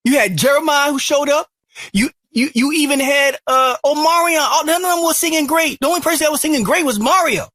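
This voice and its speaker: A man's voice: very high-pitched, fairly quick, bright, forceful tone, no echo. A man co-hosting a casual chat podcast, arguing his point insistently. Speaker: podcast co-host.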